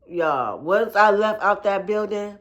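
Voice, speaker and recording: A woman's voice: medium pitch, expressive, takes it slowly. A young woman, telling a personal story in a chatty way with many fillers and calling her listeners y'all. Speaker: podcast host. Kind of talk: casual storytelling to camera.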